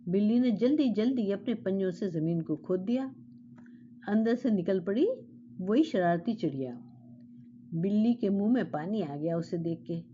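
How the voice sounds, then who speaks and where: A woman telling a children's story in Hindi, explaining words and talking warmly to the kids listening. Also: medium pitch, expressive, normal speed, dull audio, slight background noise.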